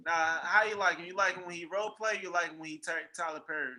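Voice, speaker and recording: A man's voice: sits high, fast talker, pushed and bright. A man joking and teasing his friends in a casual group chat. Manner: teasing, jokey banter.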